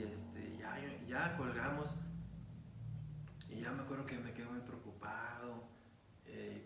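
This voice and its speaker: A man's voice: a little high, fairly bright tone, slight background noise. A middle-aged man, a preacher telling a long personal story in an interview, with many fillers as he rambles. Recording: echoey room, distant mic, faint ambience.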